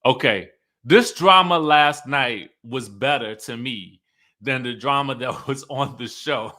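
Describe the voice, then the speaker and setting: A man hosts an online review show as casual livestream commentary, speaking slowly in a medium-pitched voice. He's animated, conversational and emphatic, chatting with his viewers and often checking in with them.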